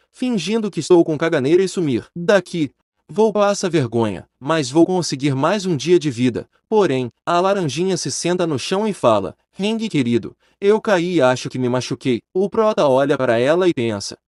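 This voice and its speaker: A man narrates a manhwa recap in a casual, slangy way and breaks off to comment on the plot. His voice sits a little high and swings widely. The recording is dry, with no room sound. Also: normal speed, no room sound. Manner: lively, pitches up for characters' lines.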